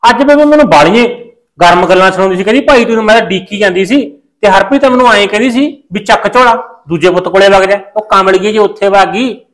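Brief: actor as a reassuring farmer son, higher male voice, quick delivery. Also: a bit bright, rough recording. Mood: firm. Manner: reassuring, firm and coaxing. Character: farmer son and husband, reassuring yet firm. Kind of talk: short-film village drama acting.

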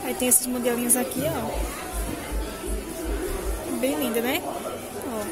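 A woman's voice: on the high side, slow pace. A woman chatting through a shopping vlog at a market stall, recorded on a handheld phone and constantly checking in with viewers. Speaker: vlogger showing wholesale suppliers. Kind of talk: casual shopping vlog walkthrough. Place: indoor clothing market stall. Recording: loud market crowd and music.

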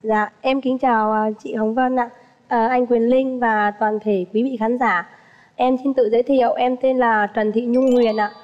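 A slightly hoarse woman in her twenties from Vietnam speaks politely and hesitantly as a dating show contestant. Her voice sits somewhat high and rings with long studio reverb, and the sound is dull. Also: fairly even intonation, moderate pace. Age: 20s. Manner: soft-spoken, polite, hesitant. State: hoarse from a cold. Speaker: contestant, primary school teacher. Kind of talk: casual chat.

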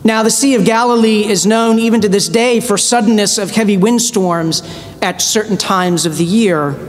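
A middle-aged priest with a strikingly high voice preaches an earnest sermon from a church pulpit, slowing down to stress his key phrases in a measured way. The sanctuary gives his words a long echo, and a faint low rumble sits underneath.

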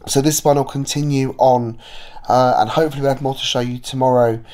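A man's voice: mid-range voice, fairly even intonation, a little fast, darkish tone. Chatty man with a slight cold. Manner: chatty, rambling with many fillers. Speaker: travel vlogger. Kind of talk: casual vlog narration.

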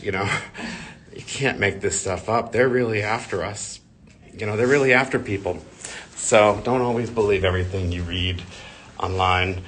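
Holding his phone at arm's length as he walks a church building's hallway on a live stream, a forties-aged man chats casually and reads out viewer comments. His low voice is bright and forceful despite going hoarse, with slight background noise.

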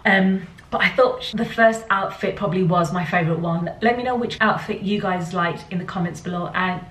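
A woman's voice: on the low side, a little fast, fairly bright tone. A young woman with a Yorkshire accent chatting casually through a clothing try-on haul, with light laughs and small restarts. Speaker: fashion vlogger. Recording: roomy, slightly distant home recording.

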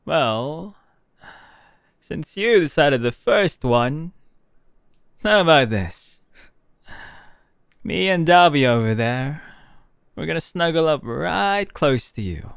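A young man voicing a gentle, teasing male hero who speaks softly with little laughs in a fan audio roleplay. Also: a little high, animated, slow, gravelly, pauses often, clean tone, no room sound, studio quality, full character voice. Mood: playful.

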